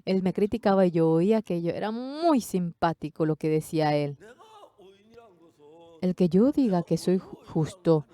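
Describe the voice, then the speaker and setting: A woman with a somewhat low voice interprets a Sunday sermon from the pulpit. She speaks emphatically. Her voice jumps sharply upward whenever she drives a point home. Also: lively intonation, normal speed, mellow, dry recording. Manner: emphatic, with pitch rising sharply on key phrases.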